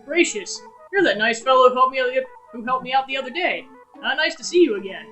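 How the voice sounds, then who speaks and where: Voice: sits high, animated, fast, bright, forceful tone, faint music behind. A streamer reading the lines of a friendly bird woman from a video game in a near-normal voice. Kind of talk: reading game dialogue aloud.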